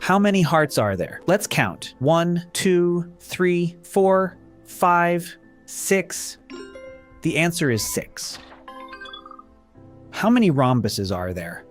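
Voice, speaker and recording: A man's voice: on the high side, sing-song. A man leading a counting lesson for young children, asking how many shapes there are and counting them aloud one by one. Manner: slow, sing-song counting with questions and answers. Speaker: children's math teacher. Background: faint background music.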